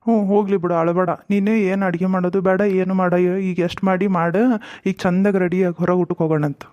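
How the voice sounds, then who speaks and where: Man playing a placating cartoon village husband with a North Karnataka accent, high and quick, dry close sound. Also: little pitch movement, a little mellow, no room sound, dull audio, close to an everyday voice. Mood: coaxing. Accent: North Karnataka Kannada. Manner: soothing, placating. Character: coaxing, patient young village husband. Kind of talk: cartoon comedy voice acting.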